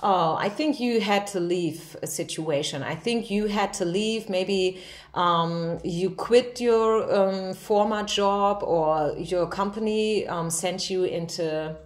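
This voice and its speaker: Taking things slowly, a woman gives an informal spoken tarot reading to viewers in a medium-pitched voice. She's direct and reassuring, often pausing to ask little questions that check the listener is keeping up.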